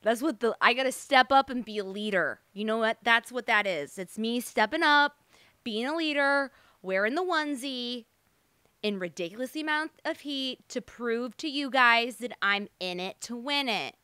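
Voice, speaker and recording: A woman's voice: a little high, moderate pace, bright, forceful tone, clear, resonant tone, no echo. An American woman hosting a casual solo podcast, brash, sweary and jokey, her speech slightly lisping and slurred from wearing retainers. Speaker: podcast host.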